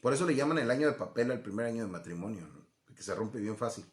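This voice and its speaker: A man's voice: lowish voice, expressive, fast. A man teaching from the Bible in a conversational way, often checking in with listeners and acting out quoted voices. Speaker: preacher. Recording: echoey room.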